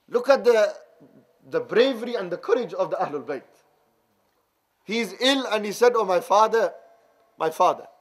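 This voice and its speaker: Brief: male imam, sermon storytelling, passionate, high voice. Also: husky. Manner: impassioned, exclaiming. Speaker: imam, preacher.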